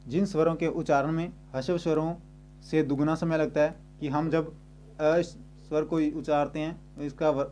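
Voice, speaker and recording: A man's voice: on the high side, dark tone, slight background noise. A man teaching a grammar lesson, explaining step by step and repeating points as he goes. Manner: repeats and rephrases slowly.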